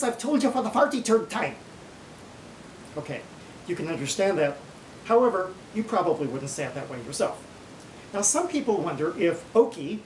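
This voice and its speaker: A woman giving an educational lecture in a measured, didactic way. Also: darkish tone. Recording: roomy, distant mic, faint rumbling noise.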